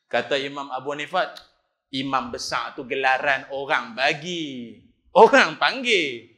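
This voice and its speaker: A middle-aged man with a northern Malaysian Kedah accent, giving an animated, jokey mosque lecture and acting out the voices in his stories. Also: mid-range voice, measured pace, roomy sound. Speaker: preacher. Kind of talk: lively mosque lecture with storytelling.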